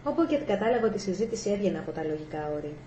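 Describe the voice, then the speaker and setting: A woman narrating a short story in a steady audiobook reading. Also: medium pitch, slight background noise. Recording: echoey room, faint ambience.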